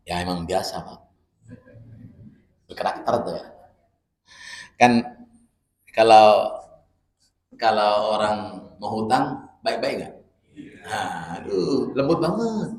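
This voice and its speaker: A man preaching a casual dawn study sermon, swinging from soft asides to loud exclamations. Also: lowish voice, slow, long pauses. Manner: animated storytelling with acted-out quotes. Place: prayer room. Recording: echoey prayer room.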